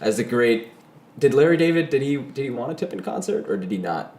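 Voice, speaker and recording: A man's voice: medium pitch, lively intonation, a little mellow. A man co-hosting a casual podcast chat, teasing the others and joking. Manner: teasing, quick to needle and joke. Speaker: podcast co-host. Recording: echoey room sound.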